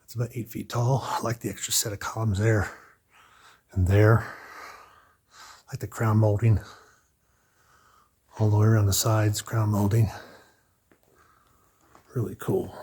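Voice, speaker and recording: A man's voice: lowish voice, little pitch movement, measured pace, long pauses, darkish tone, husky. A man casually narrating a walking tour of a building, chatty and thinking aloud with restarts, a bit out of breath. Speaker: vlogger touring a building. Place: indoor hallways and large rooms.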